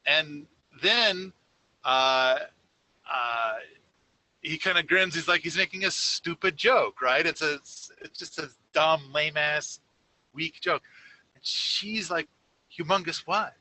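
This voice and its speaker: Slow and sharp-toned, this slightly high male voice belongs to a podcast co-host telling a rambling story in casual conversation. He uses plenty of fillers and keeps restarting, and the recording quality is low.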